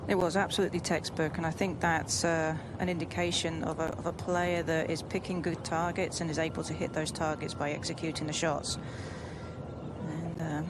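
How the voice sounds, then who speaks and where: A woman giving live golf analysis in a measured, explanatory manner. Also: deep voice, flat delivery. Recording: noisy outdoor broadcast ambience. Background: outdoor golf course ambience.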